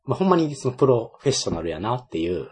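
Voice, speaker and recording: A man's voice: medium pitch, big pitch swings, racing, darkish tone. A man in his twenties with a Kansai accent chats casually as a co-host, often searching for his words in broken phrases. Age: 20s. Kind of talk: casual chat.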